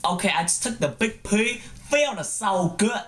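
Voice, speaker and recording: A young male vlogger tells comedic personal stories in a goofy style, using playful, exaggerated mock-cute phrasing. His voice sits high and sounds expressive and a bit bright, at a moderate pace.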